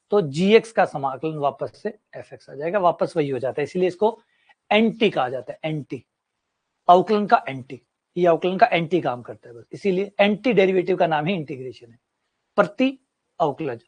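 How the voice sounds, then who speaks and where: A man gives a maths lecture, his voice sitting a little higher than most men's. He explains step by step with everyday examples and says key points twice. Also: a little mellow, breathy edge. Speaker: maths teacher. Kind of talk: classroom lecture.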